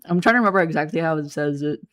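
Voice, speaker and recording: A woman's voice: sits low, very fast, a bit bright. A woman streaming a game, chatting in a playful, rambling way and laughing often. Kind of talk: casual game stream chat.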